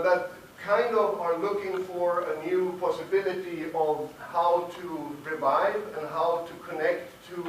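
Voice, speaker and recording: A man's voice: a little high, fairly bright tone. A male academic panelist giving a hesitant roundtable talk full of fillers. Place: conference room. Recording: echoey room, distant mic, faint noise.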